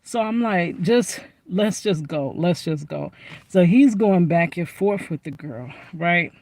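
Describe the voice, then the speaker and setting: A woman's voice: on the low side, animated, a little slow, darkish tone, dry recording. A woman chatting animatedly to camera from inside her car, telling a story with lots of asides. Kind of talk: casual storytime.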